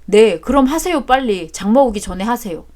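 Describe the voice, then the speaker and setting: A woman's voice: on the high side, animated, moderate pace, a little mellow, lightly acted. A woman doing a cheeky grown-up son. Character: blunt adult son, cheeky toward his father.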